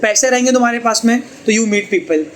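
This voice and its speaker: A man's voice: extremely high pitch, normal speed, a little hiss or hum, poor audio. A man teaching a tuition class, chatty and teasing as he explains. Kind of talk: classroom lecture.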